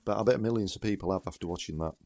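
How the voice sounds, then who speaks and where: A man's voice: sits low, very fast, a little mellow. A middle-aged man co-hosting a podcast, agreeable and encouraging in casual chat. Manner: agreeable, affirming. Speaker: podcast co-host.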